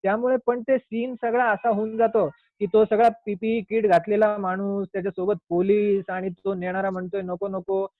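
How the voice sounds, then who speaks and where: A man's voice: high-pitched, level tone, moderate pace, dry recording. A man who is a doctor giving an earnest, explanatory health talk, now and then acting out little quoted scenes. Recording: tinny phone-like line.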